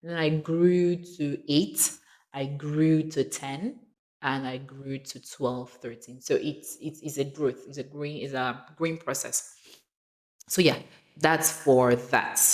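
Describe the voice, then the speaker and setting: Low-voiced woman tutor, chatty how-to talk, repeats herself a lot, laughs here and there. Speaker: online English tutor.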